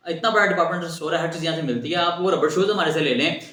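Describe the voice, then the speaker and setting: A man's voice: fairly high pitch, racing, sharp tone, echoey room. A man voicing a persuasive young male salesman in a storytelling video, pushing extra items. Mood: coaxing. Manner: persuasive, upselling patter. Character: smooth-talking young male shop salesman.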